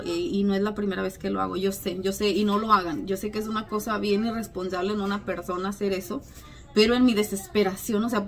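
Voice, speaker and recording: Chatty woman, slightly hoarse. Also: medium pitch. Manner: chatty, self-mocking, frequent fillers. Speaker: vlogger. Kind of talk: casual chat to camera. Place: at home, late at night.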